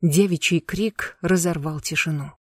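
Measured audiobook reader, dry sound. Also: mid-range voice, no echo. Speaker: audiobook narrator. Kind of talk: dark fantasy audiobook narration.

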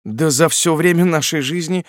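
A man's voice: a little high, moderate pace, dry recording, clean studio sound, pitched above the performer's own voice, close to an everyday voice. A man voicing a timid, trembling young widow. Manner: soft, hesitant, trembling. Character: timid frail young widowed mother, tearful.

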